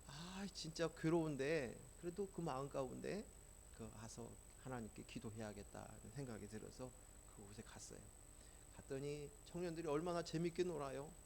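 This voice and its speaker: A man's voice: mid-range voice, normal speed, creaky, darkish tone, a little hiss or hum. A man preaching a sermon, telling a personal testimony in an earnest storytelling way that rises in emphasis. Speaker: pastor.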